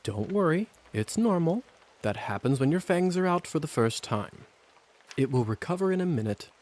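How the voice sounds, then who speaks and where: A man's voice: a little high, very animated, moderate pace, darkish tone. An actor playing an easygoing male vampire mentor in a video game, coaxing and conversational, casually reassuring. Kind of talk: scripted game dialogue.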